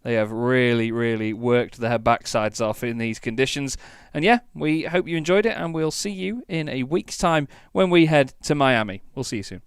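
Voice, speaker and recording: A man's voice: mid-range voice, moderate pace, smooth, no room sound, studio quality. A British man hosting a sim-racing broadcast, upbeat and cheeky, using lots of slang. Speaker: race commentator and host.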